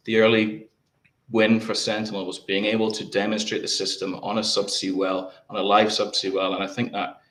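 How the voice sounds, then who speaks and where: A male guest answering interview questions in a halting way, often repeating words as he explains. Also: fairly low pitch, little pitch movement, fairly bright tone, reverberant.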